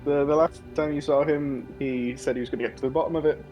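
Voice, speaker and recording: A man running a tabletop game, his voice sitting a little high as he narrates scenes and asks for dice rolls. Soft music sits under the table talk. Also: steady tone, quick pace, low-quality recording. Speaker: game master.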